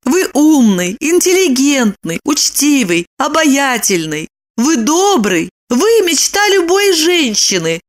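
Woman doing a shrill, mocking gloater. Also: big pitch swings, takes it slowly, full character voice. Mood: coaxing. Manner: shrill, mocking, with swooping exclamations. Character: sharp-tongued, gloating young woman, mocking and lecturing. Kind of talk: audiobook character voice.

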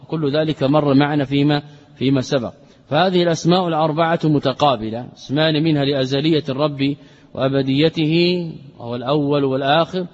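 Guy giving a religious lesson, voice a bit high, long echo, kinda dull muffled audio, repeats words as he explains. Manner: explains term by term, often repeating words and phrases; poses rhetorical questions and answers them himself. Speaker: Islamic scholar teaching a creed text. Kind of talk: recorded religious lesson explaining a classical text.

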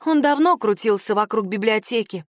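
A woman's voice: fairly high pitch, lively intonation, moderate pace, no echo, studio quality, natural voice. A woman voicing a young woman friend who speaks in a tense, ringing voice, pleading in an audiobook.

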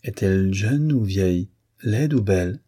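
A man voicing a quiet, melancholy young woman in a storybook reading, speaking softly and wistfully. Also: lowish voice, lively intonation, a little slow, breathy edge. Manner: soft, wistful.

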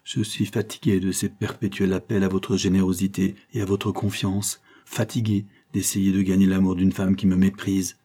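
A man's voice: low-pitched, level tone, normal speed, few pauses, dark tone. A man voicing a bitter young husband. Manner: bitter, impassioned pleading. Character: brooding young male lawyer, wounded husband. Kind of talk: audiobook character reading.

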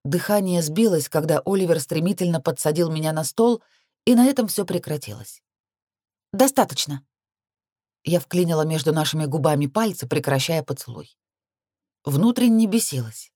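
Low-voiced woman narrating an audiobook. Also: expressive, brisk, warm tone, dry recording, studio quality. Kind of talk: first-person audiobook narration.

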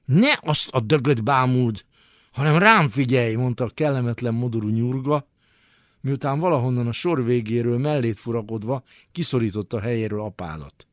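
A man reading a literary story aloud for radio in a radio studio, with dramatic, expressive delivery. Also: mid-range voice, no echo. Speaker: narrator.

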